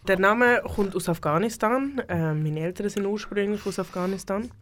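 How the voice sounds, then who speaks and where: A woman speaks with a Swiss German accent as a studio guest on a radio talk show. She hesitates often, filling pauses and restarting her sentences. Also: medium pitch, a bit bright. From Switzerland. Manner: hesitant, many fillers and restarts. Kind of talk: radio interview.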